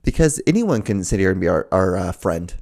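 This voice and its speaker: A young man talking fast in a loose, crude chat between friends. He jokes constantly and slips into put-on voices to act out his anecdotes. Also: deep voice, very animated, creaky, darkish tone. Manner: crude, joking, acts out phone calls in voices. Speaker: podcast co-host. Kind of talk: casual chat.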